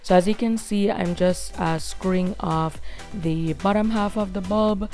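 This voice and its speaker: Hoarse woman narrating a DIY vlog. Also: mid-range voice, a little slow, a little mellow, faint music behind. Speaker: host of a home makeover vlog. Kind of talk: chatty product walkthrough voice-over.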